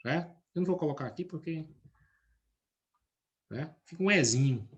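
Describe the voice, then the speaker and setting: A man's voice: on the high side, expressive, normal speed, lo-fi sound. A male chemistry teacher, speaking from his computer during a class. He often stops to check in with students and ask questions. He explains ideas through everyday comparisons. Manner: checks in with students by name and asks frequent questions.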